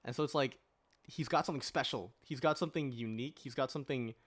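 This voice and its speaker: A man on a podcast panel argues his points at length in a casual debate, his mid-range voice moving fast. He leans on rhetorical questions and says "like" a lot.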